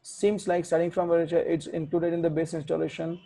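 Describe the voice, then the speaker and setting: A man's voice: on the high side, flat delivery, normal speed, creaky, warm tone. A man teaching a live coding tutorial, thinking aloud and correcting himself as he types commands. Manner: thinks aloud, self-correcting, mutters while typing. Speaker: tech instructor.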